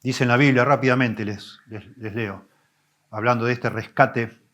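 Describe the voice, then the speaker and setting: A man, a pastor preaching an expository sermon, teaching with emphatic rises and soft low drops. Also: steady tone, unhurried. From Argentina.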